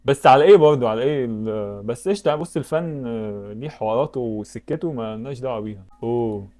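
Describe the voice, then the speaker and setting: A man's voice: medium pitch, fast talker, warm tone. A man with an Egyptian Arabic accent giving casual commentary while playing web games, thinking aloud and breaking into sudden exclamations. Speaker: YouTuber.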